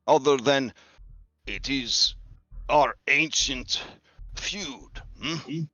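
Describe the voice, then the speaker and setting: A man voicing an ancient, proud and gruff mountain warrior chieftain in a tabletop game, speaking haltingly and challengingly. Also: mid-range voice, bright, forceful tone, no room sound, dull audio, voice pushed up. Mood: scornful, challenging.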